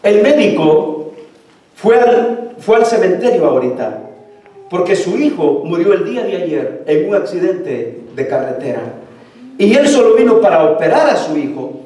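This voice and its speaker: A man's voice: sits high, sing-song, a little slow, dark tone, voice pushed down. A preacher voicing a weeping female nurse. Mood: sorrowful. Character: weeping grieving nurse, woman. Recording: echoey hall from far off.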